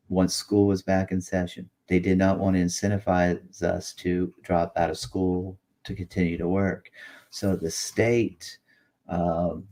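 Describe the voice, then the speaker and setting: A man's voice: deep voice, warm tone. A man in his late fifties in casual, rambling chat, cursing freely. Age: late 50s. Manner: rambling, profane.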